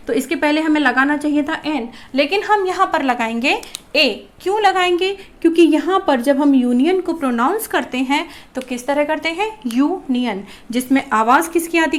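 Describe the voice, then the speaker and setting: A high-pitched woman teaching a grammar lesson to children. She keeps putting a question to the class and then answering it herself, in a patient classroom manner. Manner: addresses viewers as children.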